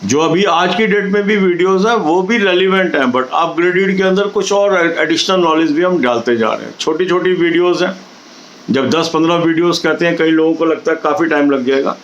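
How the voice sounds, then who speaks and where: A middle-aged man, coaching exam candidates in a steady, instructive talk. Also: a little high, a little fast, dull audio. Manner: steady, instructive, addresses viewers directly with advice.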